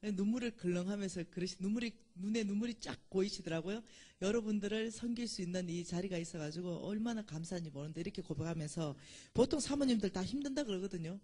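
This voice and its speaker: Speaking quickly in a mellow, mid-range voice, this Gyeongsang woman delivers a church talk built on funny stories. She chats her way through the anecdotes and laughs along at her own jokes.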